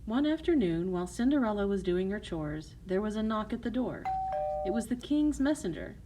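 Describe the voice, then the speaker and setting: A woman's voice: medium pitch, very animated, moderate pace, dark tone, slight background noise, low-quality recording. A woman narrating a fairy tale in a storytelling style for listeners.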